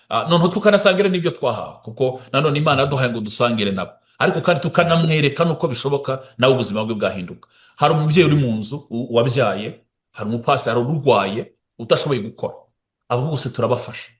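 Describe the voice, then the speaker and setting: A man who speaks and interprets, talking fast and often stopping to restart his words. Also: medium pitch, lively intonation.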